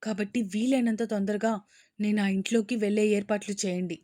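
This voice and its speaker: A woman voicing a spoiled, scheming young woman who rants loudly on the phone at her father. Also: medium pitch, steady tone, brisk, no echo, studio quality, natural voice. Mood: scheming, insistent. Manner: loud, angry ranting.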